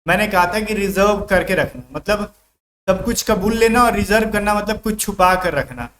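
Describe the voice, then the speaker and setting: A man with a high voice gives a casual exam-prep English lesson. He keeps asking questions back at the listener and acts out little everyday scenes to explain words. The room echoes, and a faint hiss runs underneath. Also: moderate pace, a bit bright. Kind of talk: casual classroom-style lecture.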